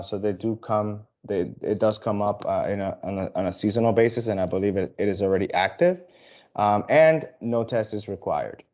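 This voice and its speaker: A man from the Dominican Republic giving an airline sales webinar over a video call, halting and full of fillers and restarts. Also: fairly low pitch, a little mellow, highs cut off. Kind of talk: webinar presentation.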